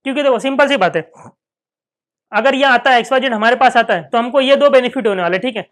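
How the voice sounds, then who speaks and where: A man's voice: extremely high pitch, fast, a bit bright. A man with an Indian accent lecturing in a Hindi-English classroom, asking and answering his own questions and repeating key points. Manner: acts out students' questions in dialogue. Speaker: finance lecturer.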